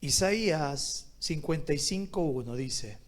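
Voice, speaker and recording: A man preaching a sermon as pastor, calling on the congregation to answer and swinging between loud exhortation and quiet asides. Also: a little high, lively intonation, takes it slowly. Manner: calls on the congregation to answer aloud.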